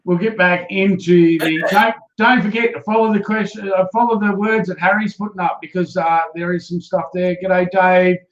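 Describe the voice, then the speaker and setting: A man's voice: sits high, flat delivery, moderate pace, hardly any pauses. A man with an Australian accent hosting a live stream in a casual, chatty style. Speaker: live-stream show host. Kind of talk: casual chat. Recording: roomy, slightly dull live-stream audio.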